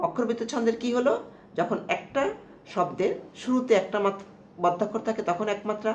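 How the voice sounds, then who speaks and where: A woman teacher giving a slow, explanatory lecture, repeating terms and asking checking questions. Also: mid-range voice. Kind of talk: lecture on Bengali prosody. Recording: echoey room with faint noise.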